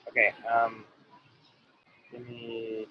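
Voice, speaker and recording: A man's voice: mid-range voice, monotone, drawn-out words, muffled recording, a little hiss or hum. A man running a work meeting from his phone, his voice breaking up and dropping out over a bad connection, talking hesitantly with many fillers. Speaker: developer meeting organizer. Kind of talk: casual video-call work meeting. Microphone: phone on a video call.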